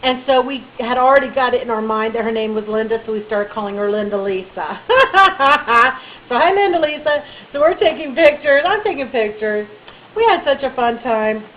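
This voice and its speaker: A woman telling a funny personal story in a chatty, animated way, with bits of playful baby talk. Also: on the high side, moderate pace, highs cut off, a little hiss or hum. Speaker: vlogger.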